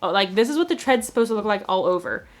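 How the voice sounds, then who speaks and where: Holding her camera at arm's length and recording on its built-in mic, a young vlogger in her twenties chats casually, first at home and then in a parked car. Her medium-pitched voice has lively intonation and she talks fast, sounding chatty, a bit self-conscious, and full of fillers.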